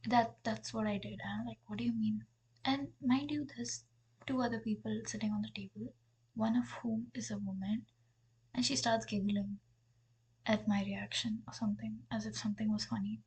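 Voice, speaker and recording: A woman's voice: a little high, fairly even intonation, moderate pace, darkish tone, husky. A young woman tells a story in a candid, exasperated way and swears freely, her voice half-whispered. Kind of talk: storytime vlog.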